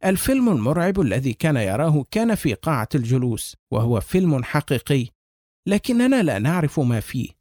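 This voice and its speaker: A man voicing a skeptical police lieutenant colonel who reasons calmly and plainly. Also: on the high side, brisk, dry recording, clean studio sound. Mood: matter-of-fact.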